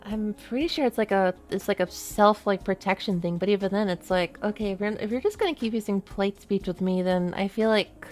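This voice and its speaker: A woman's voice: mid-range voice, brisk, few pauses, a little mellow, soft background music. A woman streaming a game, talking casually and rambling with lots of fillers. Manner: chatty, rambling, many "like" fillers. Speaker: VTuber streamer. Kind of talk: casual chat while playing a game.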